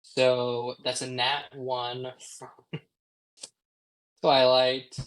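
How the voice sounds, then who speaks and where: A man runs a tabletop game, describing the scene in a measured way, pausing and filling gaps with ums. His voice sits at a middle pitch and sounds close to a streaming microphone. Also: completely flat delivery, a bit bright, poor audio. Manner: unhurried, descriptive narration with pauses and ums. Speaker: game master.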